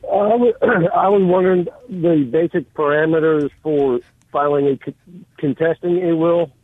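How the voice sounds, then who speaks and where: A man calls in to a radio show and speaks hesitantly, clearing his throat. The audio is dry and thin, like a phone line. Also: fairly high pitch, normal speed, no echo. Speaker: caller.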